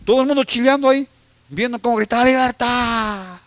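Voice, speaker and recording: A man's voice: very high-pitched, fairly even intonation, very fast, smooth, dry recording. A man preaching a sermon as pastor, telling stories with humor and teasing the congregation. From Ecuador. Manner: humorous, storytelling preacher who teases the congregation.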